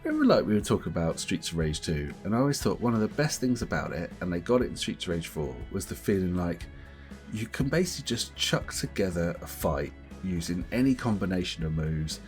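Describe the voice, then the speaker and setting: A man co-hosting a podcast, chatting casually about games, animated and laughing often as he talks. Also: low-pitched, fairly quick, soft background music. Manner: animated, laughs often, puts on voices to mimic others. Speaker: podcast co-host.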